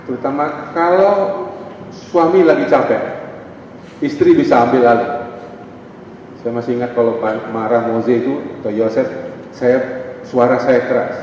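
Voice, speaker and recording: A man's voice: medium pitch, measured pace, pauses often, darkish tone, slight background noise. Middle-aged male counselor, conversational seminar speaker, very roomy distant sound with faint ambience. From North Sumatra (Batak). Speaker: pastor and family counselor. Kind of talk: seminar talk. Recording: echoey hall, distant dull mic.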